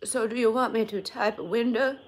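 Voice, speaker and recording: A woman's voice: on the high side, fairly even intonation, normal speed, natural voice. A young woman voicing a confused, literal-minded old woman in an improvised prank call, hesitant and befuddled. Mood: puzzled, literal. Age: young adult. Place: small furnished bedroom.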